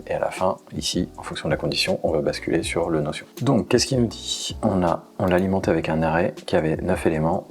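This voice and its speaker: A man walking through a software automation tutorial on screen, thinking aloud as he clicks and often saying "hop" and "ok". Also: low-pitched, creaky. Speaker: tutorial presenter.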